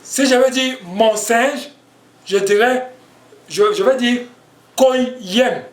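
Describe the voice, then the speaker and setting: A man's voice: extremely high pitch, reverberant. A man teaching an online language lesson, explaining patiently and repeating himself. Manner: slow, patient explaining with repetitions.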